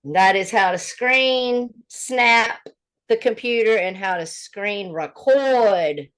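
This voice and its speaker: A woman's voice: mid-range voice, slow. A woman co-hosting a livestream in casual, chatty talk, her voice running through a heavily compressed microphone. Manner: chatty, laughs often, loud bursts. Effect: heavily compressed mic. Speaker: livestream co-host. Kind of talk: casual chat. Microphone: streaming mic with compressor.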